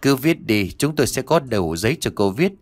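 A man's voice: mid-range voice, sing-song, normal speed, no room sound. A man voicing a stern uniformed officer who questions a prisoner in a formal, procedural tone.

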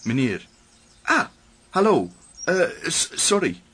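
A man's voice: fairly high pitch, very animated, normal speed, a bit bright, breathy edge, pitched above the performer's own voice, exaggerated voice. A man voicing a cheerful, overly polite male tax official with a singsong, friendly manner. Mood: cheery.

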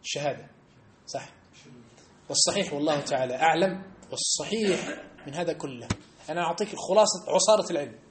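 A man teaching a lesson in a mosque, animated and argumentative, challenging his listeners directly. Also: a little high, quick pace, a crowd in the background. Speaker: religious teacher.

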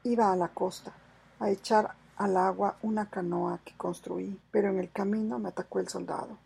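A loyal, battle-worn sailor telling his story, as a woman reading aloud puts him on. He speaks quietly and earnestly, with a gravelly, husky tone throughout. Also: medium pitch, steady tone, normal speed, heavily acted, rough recording. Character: loyal wounded male Malay sailor.

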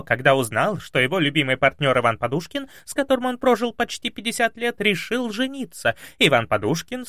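A man reading aloud as a shrill, squealing female TV reporter who reports in a breathless, sensational way. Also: a bit bright, dry recording, clean studio sound.

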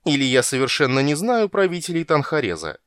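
A sly, fawning male spy with a high, wheedling voice, voiced by a man reading a storybook. He whines and flatters to get his way. The recording sounds dry and close. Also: fairly quick, clean tone, no room sound. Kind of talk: audiobook reading.

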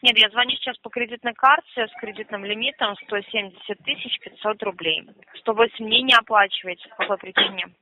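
A woman's voice: fairly high pitch, fairly quick, hardly any pauses, a little hiss or hum. A woman speaking as a bank collection agent in a formal, official customer service voice on a phone call. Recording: narrow-band, muffled telephone line.

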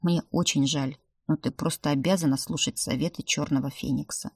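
A woman reading the lines of a sad male adviser in an audiobook, speaking low and sorrowfully. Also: steady tone, a little fast, a little mellow, slightly rough, no room sound, clean studio sound.

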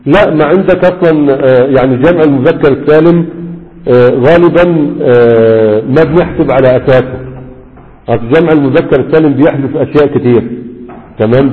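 A man's voice: mid-range voice, in a large hall, narrow, tinny audio. A man with an Egyptian Arabic accent teaching a classroom grammar lesson. He keeps quizzing his students and stretches out his fillers.

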